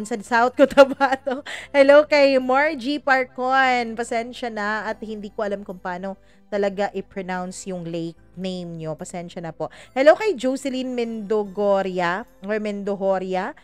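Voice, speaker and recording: A woman's voice: medium pitch, a little slow, clear, resonant tone, dry recording, soft background music. A woman hosting a story podcast, chatting casually as she reads out listener greetings and teases with playful jokes. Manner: chatty, teasing, laughs at her own jokes. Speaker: podcast host reading listener shout-outs. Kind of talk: casual chat.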